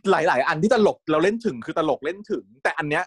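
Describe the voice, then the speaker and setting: A man chatting casually as co-host of a series review, lively and quick to laugh, sometimes turning to address the viewers. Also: a little high, breathy edge, no room sound, studio quality. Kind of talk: casual chat.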